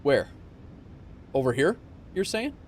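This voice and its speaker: A man giving casual livestream commentary on a flight simulator game, informal and thinking out loud. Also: a little high, big pitch swings, slow, slight background noise.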